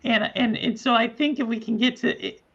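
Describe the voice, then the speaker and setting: A guest in a casual talk who speaks reflectively and haltingly, with many fillers. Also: medium pitch, dull audio. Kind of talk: casual chat.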